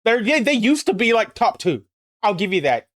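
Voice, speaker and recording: A man with a notably high-pitched voice hosting a live stream, ranting emphatically and swearing freely as he chats. The sound is close and dry, with almost no room around it. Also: big pitch swings, normal speed, a bit bright, dry recording. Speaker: livestream host. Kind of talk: casual chat.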